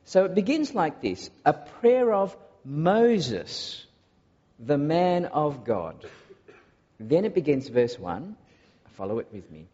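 A man from Malaysia preaching a sermon to a congregation, earnest and often pausing on filler uhs. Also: fairly high pitch, big pitch swings, mellow, husky. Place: large church hall. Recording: dull recording in a long-echo hall.

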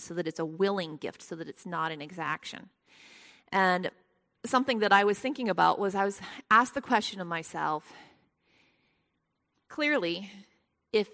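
A soft-spoken woman with a mid-range voice leads a Bible study lesson, including a prayer and a scripture reading. She speaks gently with frequent ums, and the recording carries a long hall reverb.

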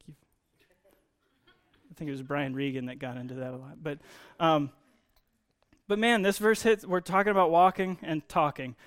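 Speaking at a fairly high pitch, a man preaches in a conversational way, laying out Bible teaching informally while stressing key words.

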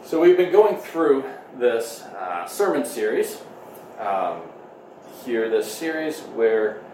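A man in his thirties, a pastor giving a conversational sermon and prayer streamed online from home, pausing often with "uh". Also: mid-range voice, big pitch swings, a little mellow, recorded from a distance, slight background noise. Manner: conversational, full of "uh" fillers. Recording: echoey room.

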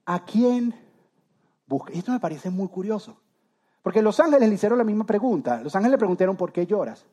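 A man's voice: sits high, expressive, quick pace, dark tone. A man preaching a sermon as pastor, talking conversationally and straight to his listeners, often restarting and repeating words. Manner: conversational, addresses listeners directly.

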